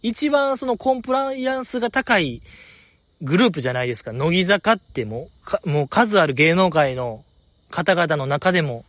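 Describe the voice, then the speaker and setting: A man's voice: sits high, big pitch swings, moderate pace, a bit bright, dry recording, lo-fi sound. A man with a Kansai accent hosting a podcast, chatting casually and enthusiastically about listener letters with a rambling, filler-heavy delivery. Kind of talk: casual fan chat.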